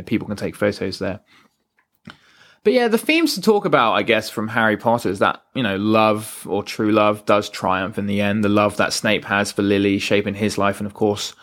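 A man's voice: fairly low pitch, a bit bright. A man hosting his own film podcast, talking casually in a rambling solo monologue with fillers and self-corrections. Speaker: podcast host.

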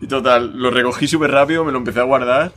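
Lively young Spanish man telling a story. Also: quick pace, a little hiss or hum. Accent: Spanish from Spain. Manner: animated storyteller, jumps high when acting out voices, laughs often. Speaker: podcast co-host. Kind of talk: casual chat, storytelling.

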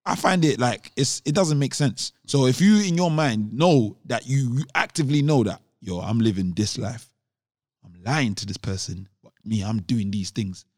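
A young co-host on a podcast speaks with a London urban roadman accent (Multicultural London English), chatting casually while arguing emphatically in slang. His medium-pitched, slightly mellow voice has lively intonation at normal speed with hardly any pauses, recorded studio quality with no echo.

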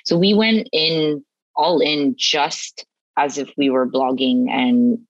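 A woman's voice: low voice, steady tone, slow, dry recording, muffled recording. A woman guest speaking frankly and from the heart about her experience. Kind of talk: casual interview chat.

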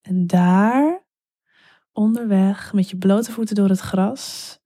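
A woman telling an intimate story in whispered role-play, slow and hushed. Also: mid-range voice, dry recording, clean studio sound.

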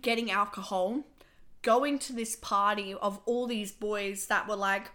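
A woman's voice: mid-range voice, steady tone, unhurried, sharp tone. A young adult woman, hosting a podcast in casual, chatty, confessional talk, her voice a little worn as she loses it. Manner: chatty, filler-heavy, confessional. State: losing her voice. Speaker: podcast host.

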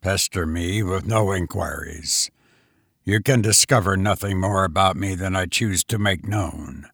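A curt, mysterious old gentleman who lays out his terms in a low, unhurried voice, as a male narrator puts him on. He sounds dry and commanding and brooks no questions. The recording is close and dry, with no room around it. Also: expressive, no room sound, full character voice.

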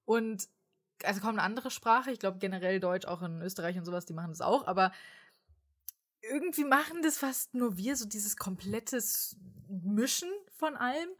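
A young woman hosts a casual interview chat, speaking animatedly at normal speed with a mid-range, fairly bright voice. She mixes English words and the occasional swear word into her speech.

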